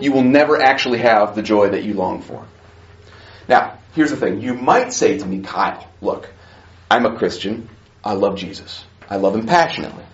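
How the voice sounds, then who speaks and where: A man preaching a sermon as pastor, passionate, swinging between soft asides and rising emphasis. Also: mid-range voice, roomy sound, muffled recording.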